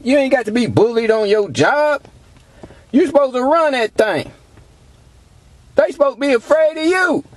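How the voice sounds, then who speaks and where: A man preaching a sermon, reading scripture slowly and stretching out the words, then pressing his listeners with rhetorical questions. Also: sits high, dry recording. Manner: emphatic, drawn-out preaching cadence.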